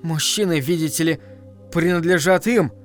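A man voicing a distraught grown woman who breaks into shrill, sobbing outbursts. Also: normal speed, soft background music, close to an everyday voice. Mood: tearful.

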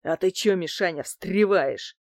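A woman voicing a bald, scarred male street thug who talks rough and crude with a growl, in an audiobook. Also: lowish voice, moderate pace, dry recording, studio quality, close to an everyday voice. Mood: gruff. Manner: growling, rude, crude slang. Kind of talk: audiobook character voice.

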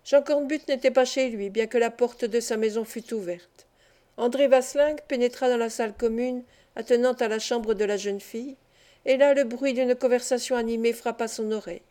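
A woman reading a classic novel aloud as an audiobook, calm and measured, lifting her voice slightly for the characters' lines. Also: a little high. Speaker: audiobook reader. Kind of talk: scripted narration of a classic novel.

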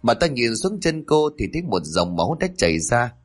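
A man's voice: mid-range voice, very animated, moderate pace, soft background music. A man narrating a dramatic family story in scripted storytelling.

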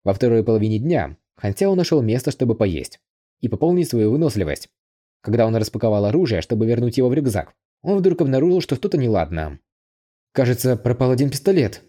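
A man reads an audiobook with an expressive, dramatic delivery. His voice is mellow and dark, and his pitch moves lively through the sentences. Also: a little fast. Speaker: audiobook narrator. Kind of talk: scripted audiobook narration.

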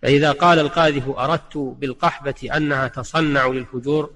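Man lecturing in formal Arabic, bright, reverberant. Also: medium pitch, fairly even intonation. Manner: formal, measured classical Arabic delivery. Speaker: religious teacher giving a recorded lesson. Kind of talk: scripted religious lecture in formal Standard Arabic. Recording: long hall-like reverb.

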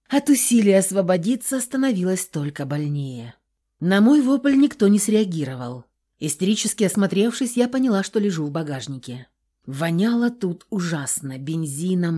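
A woman's voice: lowish voice, warm tone. A woman narrating an audiobook in the first person, with a tense, dramatic delivery.

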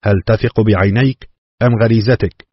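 A man's voice: fairly low pitch, fairly even intonation, slightly rough, no echo, lo-fi sound, pitched above the performer's own voice. A man reading as a probing therapist. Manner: probing, measured questions. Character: calm questioning male therapist.

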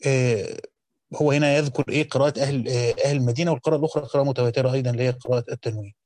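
A man's voice: mid-range voice, fairly even intonation, rapid-fire, darkish tone, dry recording, clean studio sound. A man with an Egyptian accent reads a classical Quran commentary aloud and explains it, moving between careful formal reading and casual colloquial asides. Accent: Egyptian Arabic.

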